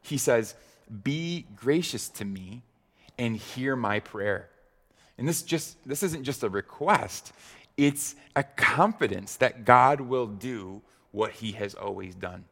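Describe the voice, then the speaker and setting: A man preaching a sermon on a psalm in a slow, deliberate way, with frequent fillers and repeated phrases. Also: mid-range voice, lively intonation, vocal fry, fairly bright tone, in a large hall.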